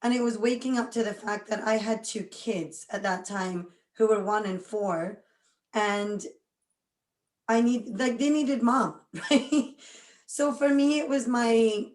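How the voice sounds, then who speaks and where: Energetic woman around forty, from Scotland, fairly high voice, echoey room; laughs easily. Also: slow pace. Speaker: guest. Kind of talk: casual interview chat.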